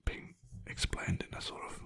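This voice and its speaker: At a normal speed, an ASMR creator reads lines in a gentle, unvoiced whisper right next to a sensitive microphone, drifting off on tangents and making fun of themself.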